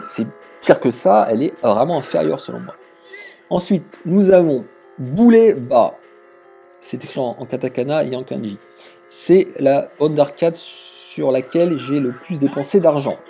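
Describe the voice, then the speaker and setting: Guy chatting casually, warm mellow voice, faint music behind. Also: mid-range voice. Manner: relaxed, chatty, frank opinions. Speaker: retro game YouTuber. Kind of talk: casual chat reading out viewer comments.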